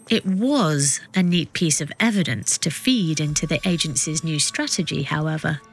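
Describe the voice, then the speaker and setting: A woman reading scripted documentary narration as a podcast narrator, with measured, suspenseful storytelling. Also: fairly low pitch.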